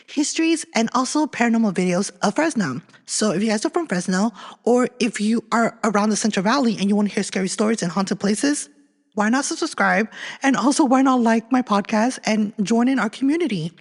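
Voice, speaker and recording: An American woman podcast host telling spooky local urban legends in a casual, chatty, slangy storytelling way. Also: on the high side. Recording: long hollow reverb on the voice.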